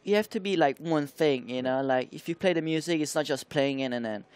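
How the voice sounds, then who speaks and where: A young man from Taiwan with a smooth, resonant voice answers questions in a studio interview. He speaks haltingly, with plenty of "um" and "uh" as he searches for the right words. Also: on the high side, darkish tone. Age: young adult. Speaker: motocross rider guest.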